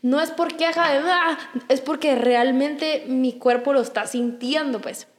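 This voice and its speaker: A young woman chatting casually, telling a personal story in an animated way with many restarts. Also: sits high, measured pace. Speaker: podcast guest. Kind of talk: casual chat.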